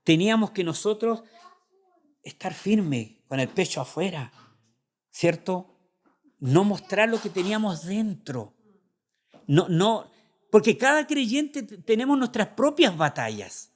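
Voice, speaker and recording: A man's voice: high-pitched, big pitch swings, takes it slowly, pauses often. A male pastor with a Chilean Spanish accent preaching a sermon in an earnest, confessional way, acting out his own prayers and doubts.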